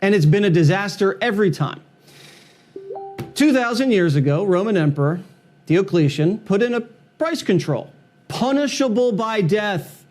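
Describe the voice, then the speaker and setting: A man's voice: high voice, animated, normal speed, pauses often, a little mellow, soft background music. A man delivering a scripted satirical political monologue in a sarcastic, mocking and punchy manner. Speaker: television political commentator.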